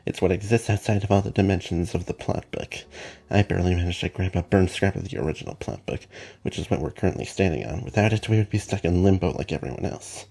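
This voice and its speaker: A man voicing a patient male mentor who explains things in a calm, measured way. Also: sits low, gravelly, husky, heavily acted.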